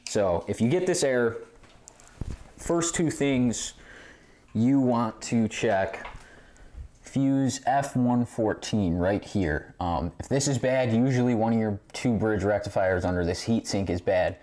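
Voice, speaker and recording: Warm in tone and lowish in pitch, a pinball repair host takes it slowly as he guides viewers through a relaxed hands-on repair. The camera sits on a tripod a short distance away in an indoor arcade game room, and its mic catches clear background noise and clicks.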